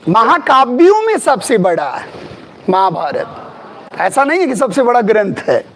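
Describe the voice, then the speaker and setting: A man's voice: very high-pitched, very animated, unhurried, a bit bright, slight background noise. A middle-aged man giving a classroom history lecture. He talks emphatically, repeats key terms and asks his students questions. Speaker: history teacher.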